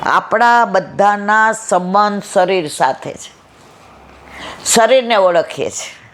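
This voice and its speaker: A woman's voice: mid-range voice, slow, slight background noise. A woman giving a devotional satsang sermon, telling stories with rhetorical questions and acted-out dialogue. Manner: animated storytelling, rhetorical questions, acts out dialogue. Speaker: satsang speaker.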